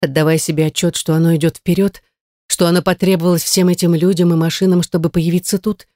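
A woman's voice: fairly low pitch, flat delivery, quick pace, dark tone, dry recording. A woman reading a first-person novel in a tense, dramatic way into a close studio mic. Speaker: audiobook narrator.

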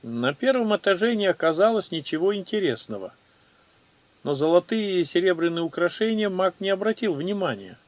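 A man reading fantasy fiction aloud as an audiobook narrator in a steady, even manner. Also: high voice, brisk, dry recording.

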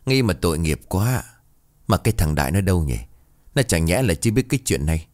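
Deep-voiced male storyteller. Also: fairly quick, no echo. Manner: dramatic, expressive storytelling. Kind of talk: scripted story narration.

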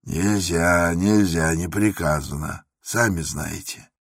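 A man voicing a rough, stern male hospital guard who speaks in curt, admonishing phrases, in a radio drama. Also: deep voice, slow pace, no echo, studio quality, full character voice.

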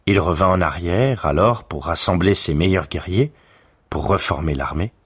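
Male narrator, very deep voice, husky tone, solemn measured reading. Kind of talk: scripted literary narration.

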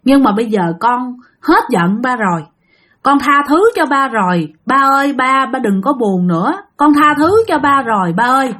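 A woman's voice: sits high, expressive, normal speed, fairly bright tone. A woman voicing the tearful ghost of a young man who speaks through a possessed woman and pleads with his parents. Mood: remorseful.

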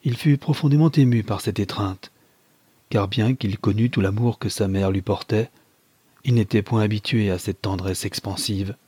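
A man narrating a classic novel in a calm, measured storytelling manner. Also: fairly low pitch, husky, no room sound. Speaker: audiobook reader.

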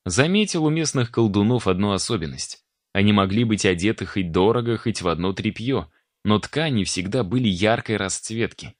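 Low-voiced male audiobook narrator. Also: lively intonation, moderate pace, no room sound, studio quality. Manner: wry, conversational. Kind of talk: first-person fantasy audiobook narration.

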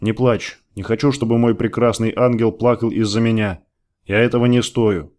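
A man's voice: lowish voice, fairly even intonation, moderate pace, a little mellow, close to an everyday voice. A man voicing an earnest young idealist fighter who pleads and promises, in an audiobook reading. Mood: tender. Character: young idealistic male rebel, earnest and in love.

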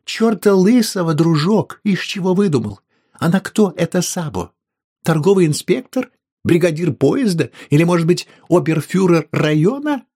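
A man reading an audiobook, voicing an excitable, pious innkeeper's wife with raised, indignant outbursts and a raspy voice. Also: mid-range voice, moderate pace. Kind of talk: audiobook character voice.

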